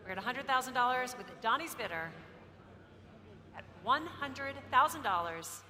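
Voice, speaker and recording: High, bright woman auctioneer calling bids. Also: lively intonation, moderate pace. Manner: auctioneer's repetitive calling of figures, courteous. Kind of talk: live auction bid calling. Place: large auction hall. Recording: echoey hall with background noise.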